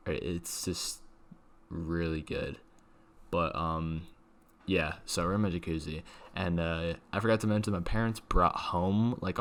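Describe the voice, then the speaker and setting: A young man telling a casual, rambling story in a slangy, sweary way, leaning heavily on "like". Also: deep voice. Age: young adult. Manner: slangy, sweary, filler-heavy with "like". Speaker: video creator telling a personal story.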